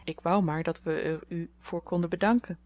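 A woman's voice: lowish voice, steady tone, normal speed, darkish tone, close to an everyday voice. A woman reading the part of a flustered, timid young girl who stammers shyly. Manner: stammering, shy.

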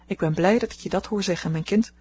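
A woman reading aloud, voicing a caring mother who speaks tenderly, with a husky voice. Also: fairly low pitch, fast talker, warm tone. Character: loving, concerned mother.

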